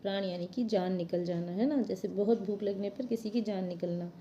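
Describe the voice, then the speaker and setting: A woman's voice: medium pitch, moderate pace, dark tone, highs cut off, a little hiss or hum. A woman teacher reading a storybook chapter to children and patiently explaining what its words mean. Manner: patient, explains word meanings simply.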